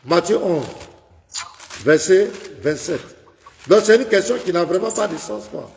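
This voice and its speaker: Insistent pastor, high gravelly voice. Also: male voice, unhurried, a little hiss or hum. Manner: insistent, repeats phrases, reads Bible verses aloud. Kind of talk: heated live call-in debate. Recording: echoey room with long reverb.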